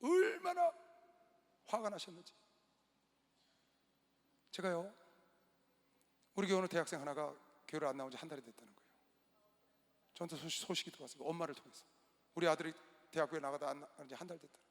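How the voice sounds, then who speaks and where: A male pastor preaching a sermon in a large gymnasium, telling a story with sudden loud outbursts and quiet asides. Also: a little high, lively intonation, brisk, long pauses. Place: large indoor gymnasium used as a church hall. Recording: long reverb of a large hall.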